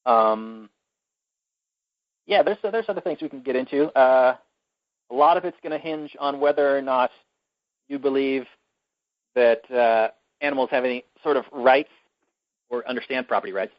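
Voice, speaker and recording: A man's voice: medium pitch, moderate pace, pauses often, no room sound, lo-fi sound. A man co-hosting a podcast, retelling a film plot in casual chat with many fillers and restarts. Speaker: podcast co-host.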